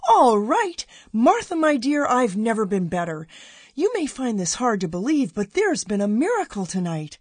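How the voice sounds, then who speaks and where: A woman's voice: mid-range voice, big pitch swings, moderate pace, a little mellow, husky, no echo. A woman voicing an older man, a husband who bursts out with joy, in a storybook reading. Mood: elated. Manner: exclaiming, elated. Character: older man, gruff turned joyful.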